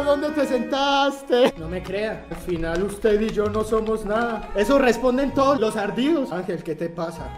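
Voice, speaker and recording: A young man hosting a comedic reaction vlog, talking in an animated way, laughing often and shouting in surprise. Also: high voice. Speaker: YouTuber. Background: background music.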